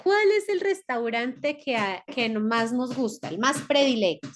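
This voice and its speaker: A woman's voice: a little high, expressive, slight background noise. A woman teacher from Colombia, explaining a lesson step by step and often checking in with her students. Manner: slow, repeats words and checks with "¿listo?". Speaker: English teacher.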